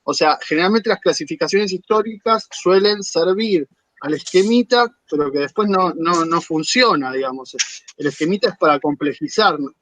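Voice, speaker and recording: A man leads an online academic panel, measured and explanatory as he puts questions to the guests. His voice sits fairly high for a man, and the call audio is dry and close. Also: a bit bright, no echo. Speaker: panel coordinator. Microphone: video call.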